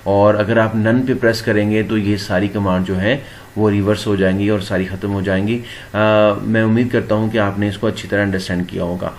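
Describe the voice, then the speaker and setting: Low-voiced man teaching software, many pauses. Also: slight background noise. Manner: steady explaining with frequent filler pauses. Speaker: computer teacher. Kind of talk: screen-recorded software tutorial.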